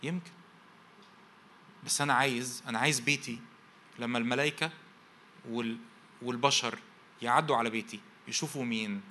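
Over a little hiss or hum, an Egyptian-accented pastor preaches in a steady but sharp medium-pitched voice, a little fast and pausing often. He builds repeated lists of phrases and poses rhetorical questions so the congregation finishes each verse.

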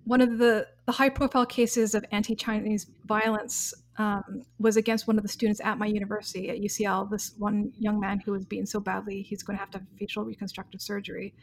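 A woman's voice: medium pitch, flat delivery, brisk, few pauses, a little hiss or hum. A woman hosting an interview in an enthusiastic, chatty way. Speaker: interview host. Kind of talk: casual interview conversation.

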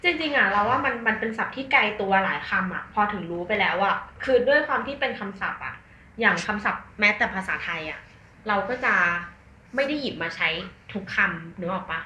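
Casual podcast co-host: rambling, chatty woman with a bright voice, echoey room with faint hiss. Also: mid-range voice, expressive, a little fast. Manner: chatty, rambling, keeps checking the listener follows.

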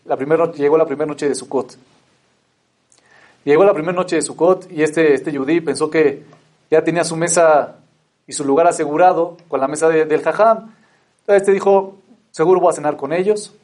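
A man narrating a religious story, acting out the characters' dialogue with rising emphasis and frequent restarts. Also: a little high. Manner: lively retelling, acts out dialogue with rising emphasis.

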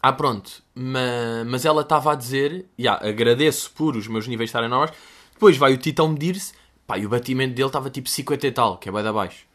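A young man in his twenties with a European Portuguese accent hosts a casual storytelling podcast. He talks in loose street slang and keeps it animated, often jumping into high-pitched voices to quote people. His voice sits at an ordinary middle pitch. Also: quick pace. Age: 20s. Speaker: podcast host.

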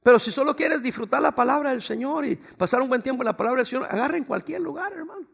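A man's voice: extremely high pitch, lively intonation, quick pace, vocal fry, a bit bright, breathy edge. A man preaching as a pastor, talking to his congregation in a conversational way and acting out short exchanges. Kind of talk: sermon.

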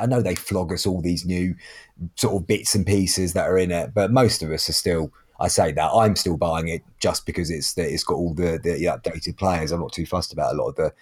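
A man's voice: low-pitched, darkish tone, slightly rough. A man hosting a podcast in a chatty, self-deprecating, casual way. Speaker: podcast host.

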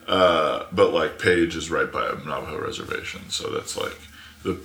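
A man's voice: extremely low pitch, moderate pace, fairly bright tone. A young man from Arizona, chatting casually as a podcast guest, rambling with lots of fillers. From Arizona, USA. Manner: filler-heavy, rambling, laughs often. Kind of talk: casual chat. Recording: echoey room.

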